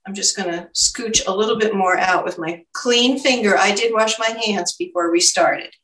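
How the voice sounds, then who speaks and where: In her home kitchen, an older woman hosts a relaxed cooking demonstration, talking through what she does at a moderate pace in a medium-pitched, slightly bright voice. The camera mic sits at a distance, so the audio is echoey with slight background noise.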